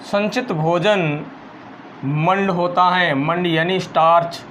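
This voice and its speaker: A male teacher giving a school biology lesson, slowly dictating notes and repeating phrases for students to write down. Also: high voice, fairly even intonation, fairly bright tone, a little hiss or hum.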